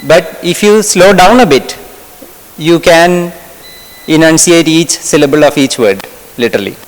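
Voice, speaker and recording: A man's voice: on the high side, unhurried. Malayali man lecturing in an echoing hall. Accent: Malayali English. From Kerala, India. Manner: conversational, asks the audience questions, chuckles. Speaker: medical lecturer. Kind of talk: workshop lecture.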